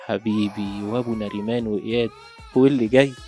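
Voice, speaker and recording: A man's voice: lowish voice, steady tone, fast talker, music in the background, lightly acted. An actor playing a doting young husband who laughs and teases his wife in an Egyptian accent in a radio drama. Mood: teasing. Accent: Egyptian Arabic. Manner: laughing, playful teasing.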